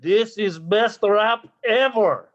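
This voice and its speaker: A man's voice: high-pitched, slow pace. A man playing a boastful Russian bachelor rapper with a fake Russian accent and broken English, over lo-fi video call audio. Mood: bragging. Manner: broken-English bragging, flustered. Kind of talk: online improv comedy.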